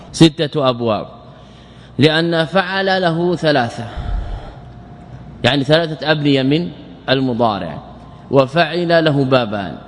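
A man teaching a lesson on Arabic morphology, slowly drilling verb patterns and quizzing his students. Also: medium pitch, slight background noise. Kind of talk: classroom lecture explaining verse. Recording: hall reverb with faint ambience.

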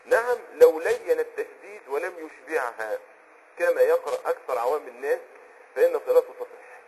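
Egyptian man, religious law teacher, raised pitch, very raspy voice, casual explaining lesson. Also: animated, darkish tone, poor audio. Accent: Egyptian Arabic. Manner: conversational, often pauses on a filler word while hunting for a term; checks on the listener with quick asides. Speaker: Islamic jurisprudence teacher.

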